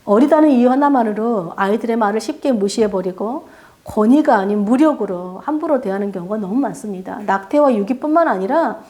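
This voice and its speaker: A woman's voice: fairly high pitch, expressive, a little fast, dark tone. A woman pastor preaching a sermon in a church, asking the congregation questions and acting out quoted voices. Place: church sanctuary.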